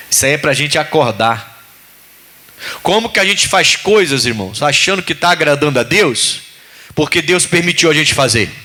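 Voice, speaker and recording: A male pastor, preaching a sermon in a lively way and acting out biblical voices. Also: fairly high pitch.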